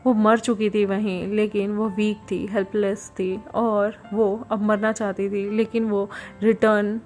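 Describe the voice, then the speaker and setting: A woman's voice: mid-range voice, flat delivery, measured pace, darkish tone, soft background music. A woman retelling a fan fiction story in a plain, conversational way, mixing English words into her speech.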